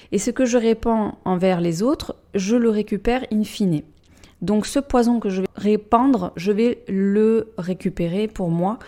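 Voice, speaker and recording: A woman coach hosting a calm self-help podcast, speaking in a gentle, measured way. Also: medium pitch. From France. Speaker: life coach and podcast host.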